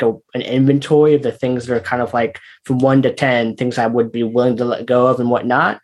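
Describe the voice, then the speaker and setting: Tech bro guy doing a relaxed interview, says like and you know a lot, medium pitch. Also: slightly rough. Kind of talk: casual interview chat.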